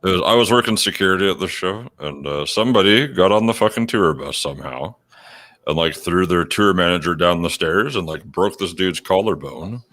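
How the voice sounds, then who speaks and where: Man, very low voice, casual host, cursing, relaxed storytelling. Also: brisk. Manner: swears a lot, laid-back storytelling. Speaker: podcast host. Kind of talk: casual chat.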